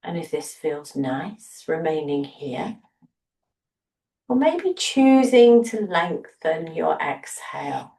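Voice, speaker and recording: A woman softly guiding a breathing meditation, slow and soothing with long pauses. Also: low-pitched, very animated, gravelly, reverberant, far from the mic, low-quality recording. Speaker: breathwork teacher.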